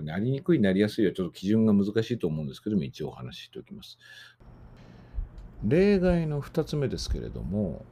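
Low gravelly guy lecturing on a podcast, pitch jumps around a lot, lots of um and uh. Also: dark tone. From Japan. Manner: thoughtful, many fillers, explains rules patiently. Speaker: voice teacher and podcast host.

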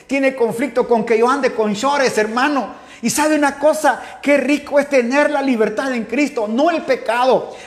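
A man pastor with an Ecuadorian accent, preaching a fervent sermon and calling his listeners "brother" again and again. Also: very high voice. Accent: Ecuadorian Spanish. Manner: fervent, repeatedly addressing listeners as "hermano". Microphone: livestream mic.

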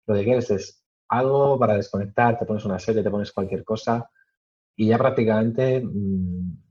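A man answering interview questions casually, with many fillers and pauses. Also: lowish voice, a little mellow, slightly rough, highs cut off. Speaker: podcast guest.

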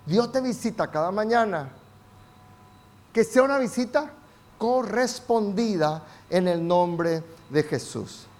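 A man preaching as pastor, moving between intimate asides and loud fervent prayer. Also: sits high, animated, slow pace. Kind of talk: sermon.

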